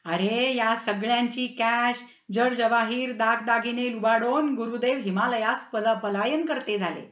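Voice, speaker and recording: A woman's voice: fairly high pitch, steady tone, a little slow, fairly bright tone. A woman voicing a witty middle-aged husband who teases in a mock-grand way, in a slightly dull, roomy recording. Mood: teasing. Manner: playful, mock-grand teasing.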